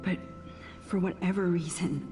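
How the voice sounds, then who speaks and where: An actress playing a shy young woman photographer, speaking her thoughts softly in a game, half-whispered. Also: on the low side, fairly even intonation, unhurried, lightly acted. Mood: reflective. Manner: soft, half-whispered musing. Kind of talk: game inner monologue. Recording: game audio with music behind.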